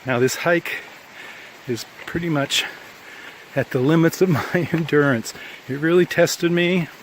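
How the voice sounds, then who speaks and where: A man's voice: on the high side, unhurried. Tired male hiker, outdoor handheld vlog, rambling and plain-spoken, faint background hiss. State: tired after a long hike. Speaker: hiker filming a trail vlog. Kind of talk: casual spoken trail diary. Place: outdoors on a mountain trail.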